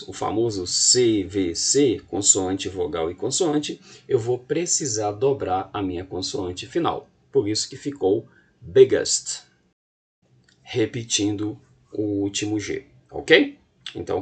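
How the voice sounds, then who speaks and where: A man's voice: mid-range voice, slightly rough. A man with a Brazilian Portuguese accent teaching a recorded video lesson, explaining step by step and often checking in with his students.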